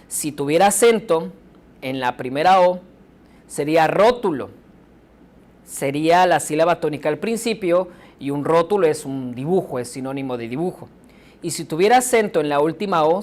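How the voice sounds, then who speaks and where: Slightly low-voiced woman teaching spelling. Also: a little mellow. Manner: slow, clear teaching cadence, spells out syllables and repeats rules. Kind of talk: recorded spelling lesson.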